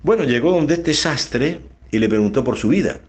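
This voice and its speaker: A man, a priest, giving a radio homily that rises in pitch on key words, with many rhetorical questions. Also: lively intonation, moderate pace, a little mellow. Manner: preaching, rising in pitch on emphasis, rhetorical questions. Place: radio studio.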